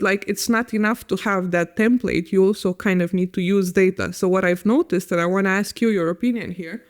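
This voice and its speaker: A woman with an Eastern European accent, a podcast guest talking bluntly and with profanity in a casual conversation. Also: fairly low pitch.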